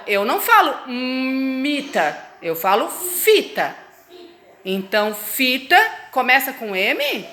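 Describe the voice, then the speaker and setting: A woman, a teacher giving a phonics lesson to young children, drawing words out slowly and coaxing them to repeat. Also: sits high, bright, forceful tone. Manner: slow, drawn-out, coaxing word drills. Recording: echoey room with faint noise.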